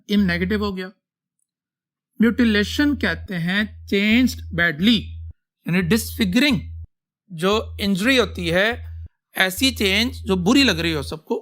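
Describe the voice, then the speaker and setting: A mid-pitched teacher with a Pakistani accent lectures to a class in a steady, patient way. The teacher keeps asking the students what a word means, answers at once, and takes each word apart into its roots. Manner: asks students questions and answers them, breaks words into roots.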